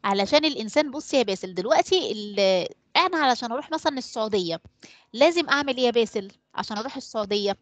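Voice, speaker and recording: A woman's voice: a little high, animated, very fast. A woman teacher with an Egyptian accent running an online class, quizzing pupils by name and leaving blanks in her sentences for them to fill in. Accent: Egyptian Arabic. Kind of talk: online class quiz and explanation.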